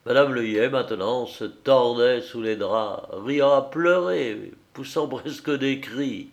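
Slow, measured male storyteller. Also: medium pitch, gravelly. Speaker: narrator. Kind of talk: literary story reading.

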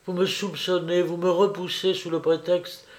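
A man's voice: high voice, little pitch movement, moderate pace, voice pushed up, lightly acted. A man voicing a pleading, agitated young society woman.

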